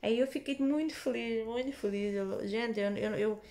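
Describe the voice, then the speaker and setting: A woman with a European Portuguese accent, telling a personal faith testimony in a casual, animated vlog, acting out the dialogue. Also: normal speed. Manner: animated, acts out dialogue in lowered voices.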